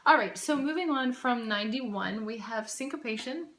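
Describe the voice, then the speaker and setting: A woman's voice: fairly high pitch, normal speed, loud music behind the voice. A woman teaching a viola part, patiently explaining fingerings and singing out rhythms. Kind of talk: casual music lesson. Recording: echoey room with violin.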